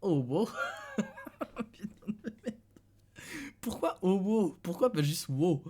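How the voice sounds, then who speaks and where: With a high, sing-song voice that's mellow and breathy at a slow pace, this young Frenchman provides casual live-stream commentary. He thinks aloud, chuckles often and addresses viewers, speaking into a desk mic from a dim room at home.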